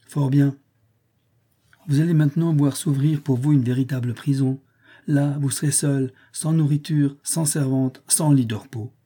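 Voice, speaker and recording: Guy reading as a cold threatening priest, dark husky voice, bit raised in pitch. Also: fairly even intonation, normal speed, natural voice. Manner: cold, threatening, then pleading. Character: jealous, menacing fallen priest, male, adult. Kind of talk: audiobook character reading.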